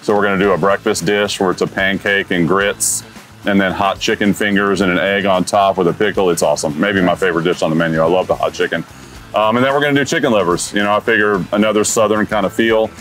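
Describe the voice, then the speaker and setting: With a low, slightly bright voice and a fast pace, a man chats about the dishes at his restaurant. Recorded in the dining room on a lapel mic with music underneath, he's relaxed and enthusiastic, using fillers like "you know".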